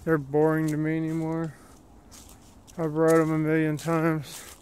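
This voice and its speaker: A man's voice: fairly high pitch, completely flat delivery, measured pace, darkish tone. A man giving plainspoken, rambling commentary while walking a wooded dirt trail, recorded on a handheld phone. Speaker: vlogger. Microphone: handheld phone camera while walking.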